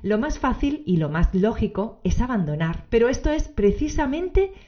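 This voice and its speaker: A woman's voice: fairly high pitch, very animated, normal speed, warm tone. A woman hosting a solo podcast, explaining in semi-scripted narration, addressing one listener directly. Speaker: podcast host. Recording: dull lo-fi audio, faint music behind.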